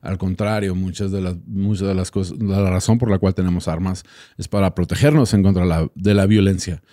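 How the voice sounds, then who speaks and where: A man's voice: sits low, fairly even intonation, fairly quick, dark tone, no echo, studio quality. A man from Texas with an American accent, a native English speaker, hosting a casual solo podcast and often hesitating as he searches for words. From Texas, United States. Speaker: podcast host.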